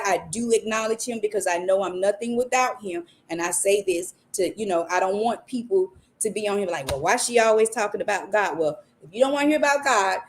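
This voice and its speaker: A woman's voice: medium pitch, a little hiss or hum. A woman hosting a podcast, giving an earnest, faith-based motivational talk and repeating phrases for emphasis. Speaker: podcast host.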